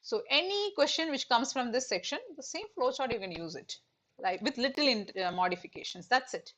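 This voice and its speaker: This is a woman, middle-aged, delivering an online coaching lecture for exam students. Her voice sits slightly high. She talks in loose, repetitive phrases, leaning on "okay" and "uh" between points. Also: animated, brisk, fairly bright tone. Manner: repetitive, filler-heavy explaining with "okay" and "uh".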